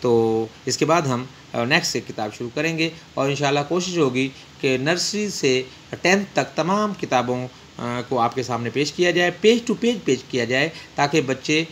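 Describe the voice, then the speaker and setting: A man teaching an English textbook lesson, reading English slowly and explaining in Urdu with frequent pauses. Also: medium pitch, lively intonation, a bit bright, slight background noise.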